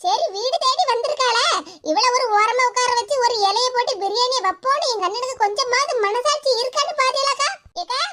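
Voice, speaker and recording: A woman voicing a greedy, cheeky young sister in a cartoon comedy, speaking in a shrill, whiny voice. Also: brisk. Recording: loud hiss behind voice.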